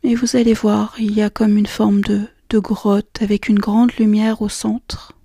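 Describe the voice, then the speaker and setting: A woman guiding a relaxation and meditation session in a soft, slow, half-whispered voice. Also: mid-range voice, little pitch movement, vocal fry, breathy edge, no room sound, studio quality. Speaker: relaxation guide. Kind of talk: guided meditation.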